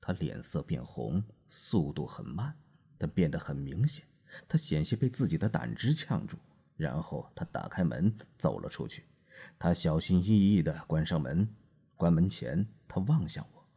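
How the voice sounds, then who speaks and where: A man's voice: low voice, big pitch swings, normal speed, gravelly, mellow, breathy edge. A man narrating a hard-boiled novel in the first person with a dry delivery. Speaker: audiobook narrator.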